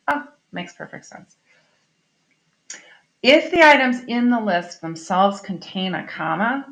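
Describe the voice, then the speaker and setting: Woman teacher, recorded lesson; lower voice with some fry, chatty and explanatory. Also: fairly bright tone. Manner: explanatory, chatty, frequent "um" and "okay?" check-ins. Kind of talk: recorded online class lesson.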